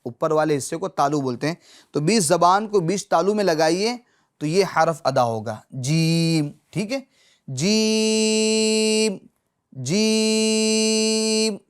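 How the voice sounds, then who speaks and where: A man teaching Quran recitation who says each letter sound slowly and loudly, again and again, and stops often to check that his students are following. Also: a little high, animated. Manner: patient, checks in often with short confirmations. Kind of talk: Urdu lesson on pronouncing Arabic letters.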